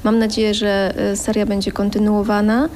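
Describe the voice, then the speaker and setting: A woman's voice: medium pitch, level tone, moderate pace, darkish tone, a little hiss or hum. A woman author answering interview questions thoughtfully, with frequent hesitations. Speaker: children's book author.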